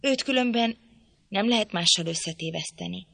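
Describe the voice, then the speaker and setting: A woman reading a novel aloud in a measured, steady storytelling manner. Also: medium pitch, creaky, dry recording. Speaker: audiobook reader.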